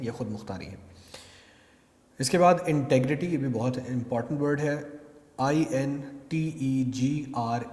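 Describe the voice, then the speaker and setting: A man's voice: mid-range voice, a little mellow. A man with a Pakistani accent teaching a class, spelling out words letter by letter and explaining them in Urdu. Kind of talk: recorded classroom lecture. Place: classroom with whiteboard. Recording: echoey room with long reverb.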